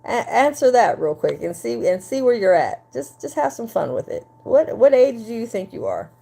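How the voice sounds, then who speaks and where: Mellow-voiced woman coach, fifties, live stream. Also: a little high, normal speed, gravelly. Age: 50s. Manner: animated, talks straight to the chat, repeats herself. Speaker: relationship coach. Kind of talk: live-stream talk to viewers.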